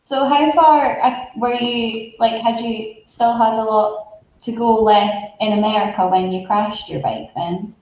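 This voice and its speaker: A woman's voice: a little high, steady tone, measured pace. A woman hosting a casual interview, asking questions in a conversational way. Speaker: interviewer, host. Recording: echoey room, dull audio, noisy background.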